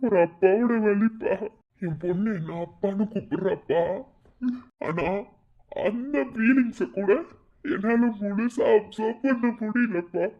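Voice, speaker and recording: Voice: medium pitch, unhurried, muffled recording. A performer voicing a heartbroken father in a cartoon, tearful and pleading. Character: heartbroken father, weeping and bitter. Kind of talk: animated cartoon voice acting.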